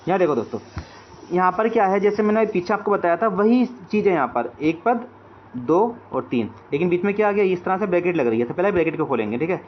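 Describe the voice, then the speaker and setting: A man's voice: high voice, animated, quick pace. A man teaching math, explaining each step and checking in with his students. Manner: repeats check-in phrases like "okay friends". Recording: dull lo-fi audio with faint hiss.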